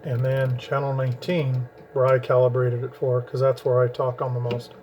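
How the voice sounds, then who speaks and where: Speaking with a completely flat delivery at medium pitch and normal speed, a man explains how to set up a CB radio while handling the gear. His casual how-to is rambling and hands-on, full of restarts. The camera-mic recording sounds muffled, with a little hiss or hum.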